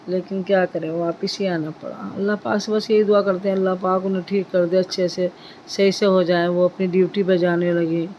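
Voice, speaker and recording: A woman's voice: fairly low pitch, dull audio, a little hiss or hum. A middle-aged woman, chatting casually to her vlog viewers and often thanking God. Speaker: vlogger. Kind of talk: casual vlog chat to camera.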